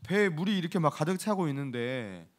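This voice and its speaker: Animated man preaching with a lively voice. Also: on the high side, a little fast. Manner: lively, animated preaching with laughs and acted-out quotes. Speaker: pastor. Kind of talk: sermon. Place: church sanctuary.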